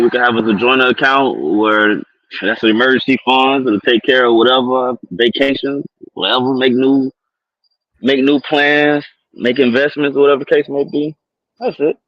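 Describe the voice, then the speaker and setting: A man's voice: mid-range voice, dry recording. A man chatting casually and plainly as a dating show contestant, over dull call audio. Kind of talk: casual chat.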